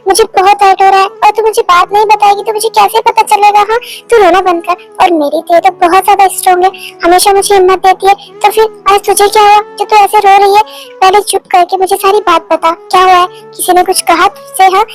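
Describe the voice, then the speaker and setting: A loyal young woman who comforts her friend with soft, coaxing, affectionate words, dubbed in a very high voice. Her pitch stays fairly level, and faint music plays beneath her. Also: level tone, a little fast, low-quality recording. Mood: soothing. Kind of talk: fan dub of a melodrama.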